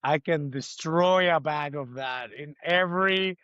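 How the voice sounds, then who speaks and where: A man's voice: on the high side, unhurried, bright, forceful tone, clean tone, no echo, muffled recording. A man from Puerto Rico, a band member guest, chatting casually and joking on a podcast. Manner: laid-back, joking, says "man" and "baby".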